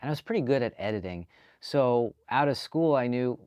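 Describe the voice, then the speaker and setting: A man from Canada, a filmmaker telling his story in a relaxed, chatty interview. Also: medium pitch, brisk, smooth, no room sound, highs cut off. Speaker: guest filmmaker. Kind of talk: casual interview.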